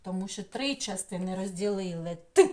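A woman's voice: mid-range voice, normal speed, mellow. A middle-aged woman with a Ukrainian accent, giving a remote lesson to young children and stretching her words in a sing-song way. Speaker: preschool teacher.

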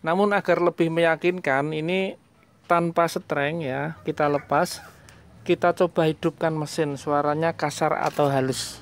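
A man's voice: a little high, fairly even intonation, a little slow. A man, a mechanic explaining a diesel engine repair step by step in a workshop. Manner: explains step by step to viewers, switches to Javanese with the owner. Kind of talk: hands-on repair demonstration.

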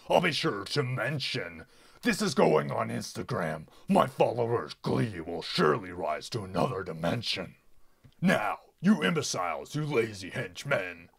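A man voicing a greedy, gloating fat pig lord who barks orders in a deep, roaring boar voice. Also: gravelly, a bit bright, slightly rough, heavily acted. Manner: bossy, commanding, gleeful.

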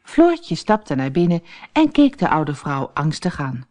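Slow, lively woman telling a fairy tale. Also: low voice. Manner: clear, expressive telling for children. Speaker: storyteller. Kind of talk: scripted storybook narration.

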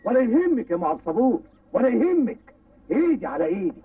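An actor playing an excitable village man with an Egyptian accent, shouting urgently in an old film. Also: extremely high pitch, quick pace, slightly rough, no room sound, exaggerated voice. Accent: Egyptian Arabic. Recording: tinny, distant old film soundtrack.

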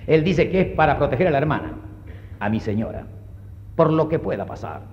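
A man performing a stand-up comedy monologue in a dry, understated deadpan manner. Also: a little high, a little fast, lo-fi sound. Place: stage before a live audience. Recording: live show with audience and faint noise.

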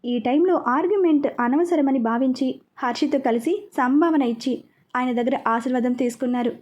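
High-voiced woman reading a story. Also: moderate pace, a little mellow. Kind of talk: storybook narration.

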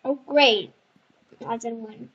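A young female gamer chatting excitedly while playing, chanting words and breaking into screams. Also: fairly high pitch, takes it slowly, highs cut off. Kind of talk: casual gaming chat.

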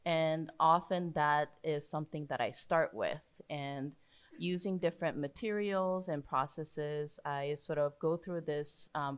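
A woman, introducing herself as an artist and professor on a panel, modest and soft-spoken with many fillers. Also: sits low, clear, resonant tone. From South Korea. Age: 40s. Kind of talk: panel talk. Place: theater stage before an audience.

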